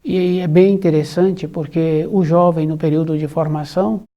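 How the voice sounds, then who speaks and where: Spiritual teacher, mellow tone, mid pitch, slow measured delivery, short pausing phrases. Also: steady tone, muffled recording. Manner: unhurried, repetitive, pausing between short phrases.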